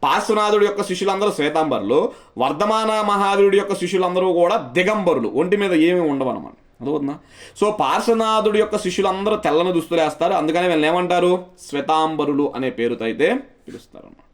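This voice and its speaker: Male tutor, fairly high voice that swoops a lot, drills terms by asking and repeating. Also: animated, fast talker. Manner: repeats key terms and quizzes students with questions; mixes English words into speech. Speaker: teacher. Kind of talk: exam-prep lecture.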